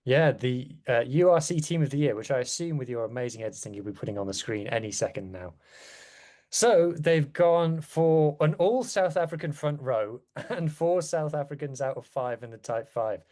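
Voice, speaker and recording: Man, mid-pitched voice, casual podcast chat, wry asides, sports pundit guest. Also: moderate pace, dark tone.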